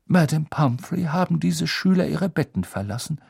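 A man reading an audiobook, voicing a calm, amused old male headmaster who speaks in measured tones. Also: a little high, gravelly, breathy edge, no room sound, clean studio sound, pitched above the performer's own voice, full character voice.

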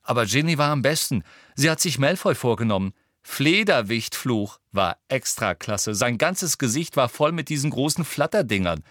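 A man's voice: medium pitch, sing-song, normal speed, a bit bright, no room sound, clean studio sound. A man voicing a brash, cheeky teenage wizard boy with an offhand, cocky manner in an audiobook.

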